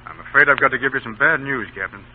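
An actor playing a gruff army officer in a 1930s radio drama who barks orders, heard in a lo-fi old broadcast. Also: male voice, mid-range voice, quick pace, slight background noise, lightly acted. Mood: grave. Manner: barked orders.

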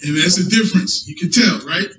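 A man preaches to his congregation in a high-pitched, a bit bright voice at a slightly fast pace, frequently calling for an amen and restarting his phrases. The mic is distant in an echoey hall, with a little hiss or hum.

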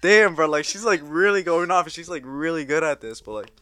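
A man's voice: fairly high pitch, animated, brisk, sharp tone, slight background noise. A man co-hosting a casual podcast, laid-back and loose, full of fillers and calling people bro. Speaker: podcast co-host.

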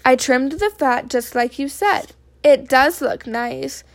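A woman's voice: sits high, slow pace, dry recording. A woman reading aloud, voicing a cheerful literal-minded housekeeper who talks eagerly and earnestly.

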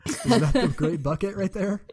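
A man's voice: sits high, normal speed, darkish tone, breathy edge. A young man co-hosting a casual worldbuilding podcast, joking and laughing often as he trails off mid-thought. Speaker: podcast co-host.

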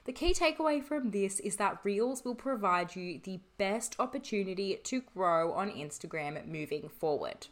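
A woman with an average-pitched voice presents scripted tips as a podcast host. Her delivery is upbeat and neatly organised, in the manner of an advice vlogger. Each point is clearly signposted and laid out in order. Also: animated, normal speed, hardly any pauses. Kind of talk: scripted solo advice narration.

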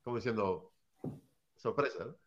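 A man from Seville, Spain, an early hip hop artist, rambles casually through hip hop anecdotes and keeps tagging his lines with "¿sabes?". His voice sits on the low side at a normal speed, and the audio is dull.

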